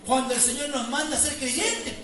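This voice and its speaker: Chilean preacher guy, high voice, fiery sermon, super echoey church from far off with the crowd chiming in. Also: normal speed. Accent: Chilean Spanish. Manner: fervent, swells to near-shouts and sing-song on praise. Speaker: pastor. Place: church hall. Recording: echoey church sound from a distance with congregation.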